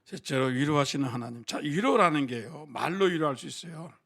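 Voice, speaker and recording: Older Korean pastor preaching with gravelly force. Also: male voice, a little high, brisk. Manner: animated preaching, swings from quiet asides to shouting. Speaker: senior pastor. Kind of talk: sermon.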